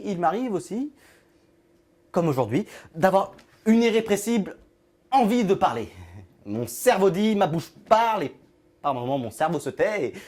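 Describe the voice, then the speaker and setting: A rambling, odd loner. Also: male voice, on the high side, darkish tone, heavily acted. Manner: halting, rambling, trailing off into murmurs. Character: odd lonely man with an invisible friend. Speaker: actor in a short film monologue. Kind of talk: film monologue.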